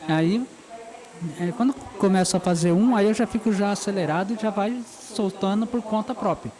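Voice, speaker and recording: A man's voice: high voice, normal speed, mellow, rough recording. A man in his forties from São Paulo, a caricaturist being interviewed at an outdoor street fair, chatty and easygoing, often laughing as he tells stories. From São Paulo, Brazil. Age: 40s. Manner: easygoing, chatty, laughs while telling anecdotes. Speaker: guest caricaturist. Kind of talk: casual interview. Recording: busy outdoor crowd noise.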